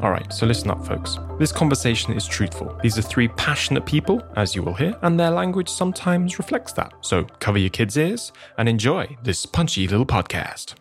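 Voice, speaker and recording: A man's voice: mid-range voice, big pitch swings, a little fast, hardly any pauses. A man giving a playful, jokey scripted podcast introduction as host. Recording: voice over background music. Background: music.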